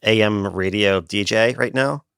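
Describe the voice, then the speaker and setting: A man's voice: lowish voice, measured pace, vocal fry, a bit bright, smooth, no room sound, clean studio sound. Tired man chatting as podcast co-host. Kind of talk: casual chat.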